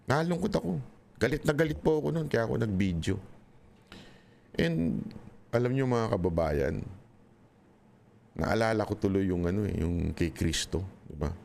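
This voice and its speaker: A man with a low, grounded voice delivers an emotional political monologue straight to his audience. He swings between wounded sincerity and anger, addressing viewers as fellow countrymen. A faint layer of noise sits under the recording. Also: lively intonation, moderate pace, vocal fry, long pauses, a little mellow. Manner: impassioned, mixing Tagalog and English, addressing viewers as countrymen. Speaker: political commentator.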